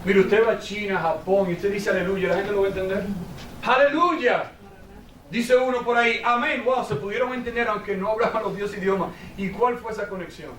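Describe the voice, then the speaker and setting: High-voiced man preaching in an echoey hall. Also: fairly quick, few pauses, recorded from a distance, slight background noise. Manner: preaching with rhetorical questions, ending quietly and intensely. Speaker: pastor. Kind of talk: sermon. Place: church sanctuary.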